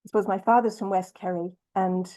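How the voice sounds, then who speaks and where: Irish woman, webinar guest, warm low-toned voice, halting delivery, drifts between two languages. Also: steady tone, low-quality recording. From Ireland. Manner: hesitant, many ums and restarts, switches between Irish and English. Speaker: webinar speaker. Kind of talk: bilingual webinar talk.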